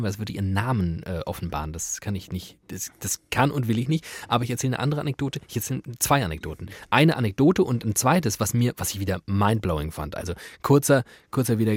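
A man co-hosting a podcast, telling anecdotes in a casual, animated way with lots of fillers. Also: on the low side, dry recording, studio quality. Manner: animated storytelling, many fillers. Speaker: podcast co-host. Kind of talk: casual chat.

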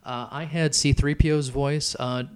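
A man's voice: mid-range voice, fairly even intonation, unhurried, smooth. A middle-aged man chatting casually on a podcast, rambling and hesitant, with lots of fillers. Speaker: podcast co-host. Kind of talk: casual chat. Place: Chicago.

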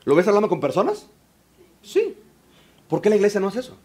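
A high-voiced man with a Mexican Spanish accent preaching to a church congregation. He is lively and joking, slipping into other people's voices to make his point. His delivery is animated and quick to turn. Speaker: pastor and biblical counselor. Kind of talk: sermon.

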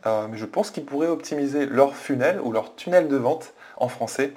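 A man's voice: mid-range voice, animated, moderate pace, mellow. A man walking viewers through a sales page on screen, explaining it in a hesitant way, with frequent fillers and restarts. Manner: explanatory, addresses viewers directly. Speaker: online business coach. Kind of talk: screen-share walkthrough commentary.

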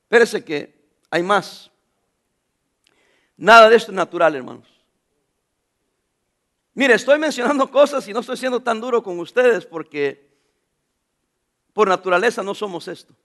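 High-pitched bright male preacher. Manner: animated preaching, calls out to the congregation; reads scripture slowly with the congregation. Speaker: pastor. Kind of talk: sermon.

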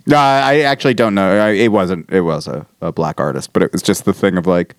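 A man's voice: deep voice, fairly quick, clear, resonant tone, no room sound, studio quality. A man co-hosting a podcast in casual chat, rambling and laughing as he talks, with some swearing. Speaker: podcast co-host.

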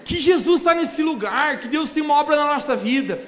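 High-voiced pastor in an echoey church. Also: male voice, brisk. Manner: animated, joking storytelling with the congregation. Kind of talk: sermon. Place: church hall. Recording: echoey hall, live church sound.

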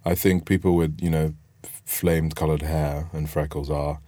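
Deep voiced guy interviewing someone, gushes a bit, goes off on tangents, halting, dry close sound. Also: flat delivery, mellow, no room sound. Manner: effusive, digressive, halting phrasing. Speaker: interview host. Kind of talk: conversational interviewing.

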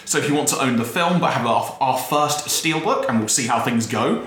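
A man's voice: medium pitch, lively intonation, fairly quick, fairly bright tone. A man hosting a casual podcast, recorded in a bare, very echoey room. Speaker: podcast host. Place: bare office room with desk and chairs.

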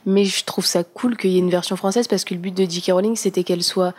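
A woman on a casual podcast calmly giving her opinion in a relaxed way. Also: on the low side, fast talker, breathy edge.

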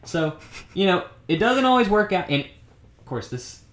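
A man's voice: sits high, big pitch swings, normal speed, fairly bright tone, reverberant. A man co-hosting a casual history podcast, explaining things with frequent ums. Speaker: podcast co-host.

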